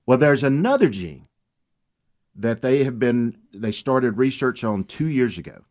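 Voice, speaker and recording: A man, a guest on a talk radio show, telling his story in an earnest, animated way. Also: mid-range voice, unhurried. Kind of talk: casual radio chat.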